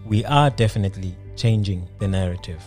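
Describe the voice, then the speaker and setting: A man from South Africa hosting a podcast, reading a scripted intro and asking formal, measured interview questions. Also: lowish voice, over loud music. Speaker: podcast host.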